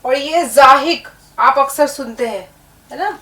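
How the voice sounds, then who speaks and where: A woman's voice: high voice, measured pace, pushed and bright. A woman teaching an Urdu lesson, patiently spelling words out letter by letter. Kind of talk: language lesson. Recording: echoey room, distant mic.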